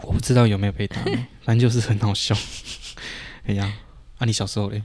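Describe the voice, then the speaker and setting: A man from Taiwan, co-hosting a podcast in casual chat with quick, offhand remarks. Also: lowish voice, level tone, background noise. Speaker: podcast co-host.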